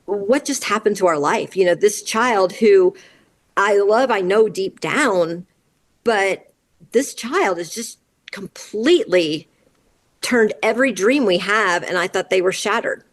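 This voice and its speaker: A woman's voice: medium pitch, slow. Earnest woman telling her family story. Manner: earnest, candid, recounting at length. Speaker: interview guest, parent. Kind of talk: conversational interview storytelling.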